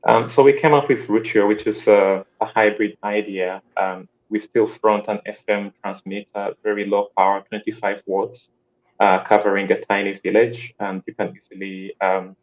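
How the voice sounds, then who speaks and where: Man, low voice, measured, panel guest, lo-fi video call sound. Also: fairly even intonation. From Uganda. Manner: measured explaining, frequent "um". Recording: dull lo-fi call audio.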